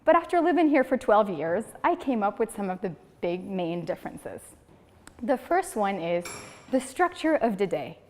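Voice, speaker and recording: At a steady, moderate pace and medium pitch, a woman in her 30s from Morocco gives a funny prepared speech to a speaking club. She acts out the people she quotes as she tells her lively stories. The recording has the long reverb of a hall.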